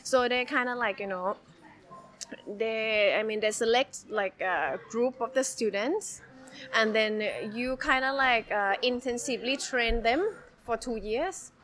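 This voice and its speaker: A woman with a Thai accent speaks in a fairly high voice as an interview guest. She talks casually and haltingly, often repeating a word before carrying on. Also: a bit bright, soft background music. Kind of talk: casual chat.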